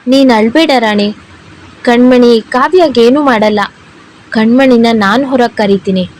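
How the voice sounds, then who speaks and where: A woman's voice: a little high, measured pace, darkish tone, slight background noise, close to an everyday voice, poor audio. A woman voicing a worried middle-aged father who coaxes and firmly calls to his daughter in a read-aloud story. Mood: coaxing. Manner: coaxing, firm.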